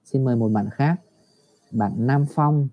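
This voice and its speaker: A man teaching English to young children in an online class, patient and encouraging, reading the model phrases slowly for them. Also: mid-range voice, warm tone. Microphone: computer mic on a video call. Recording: dull lo-fi video call audio.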